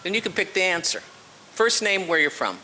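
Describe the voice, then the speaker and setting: A man with a high, bright voice leads a conference session, giving brisk instructions with a playful, joking edge. His voice rises and falls a lot. It rings out in a large hall with long reverb and a faint hiss underneath. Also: very animated. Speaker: session facilitator. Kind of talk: running a room of introductions. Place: conference room.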